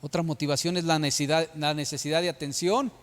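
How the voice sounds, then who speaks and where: A man's voice: a little high, fairly even intonation, quick pace. A middle-aged Mexican man preaching a sermon as pastor, with a Mexican accent, often checking in with the congregation by tag questions. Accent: Mexican Spanish. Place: church hall. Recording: long reverb of a church hall.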